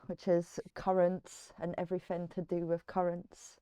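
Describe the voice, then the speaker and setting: A woman's voice: lowish voice, completely flat delivery, unhurried, warm tone, smooth, no room sound, studio quality. A British woman hosting an interview, teasing her guest playfully and swearing casually. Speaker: interviewer, podcast host.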